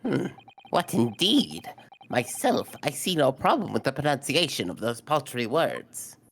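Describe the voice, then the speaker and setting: A woman playing a pompous, haughty old man with formal, deliberate phrasing in a video game fan dub. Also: very deep voice, sing-song, slight background noise, full character voice.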